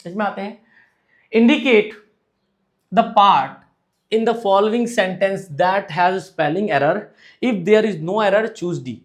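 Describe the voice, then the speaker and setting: A man teaching English for exams in Hindi. He reads the English sentences slowly and asks questions that he answers himself. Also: a little high. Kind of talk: exam-prep lesson.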